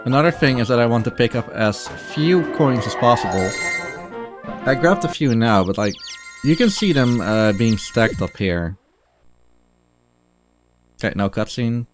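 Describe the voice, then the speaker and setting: A man with an animated, medium-pitched voice narrates his speedrun live in a loose, rambling way, stopping and cutting himself off often. Game music plays behind him.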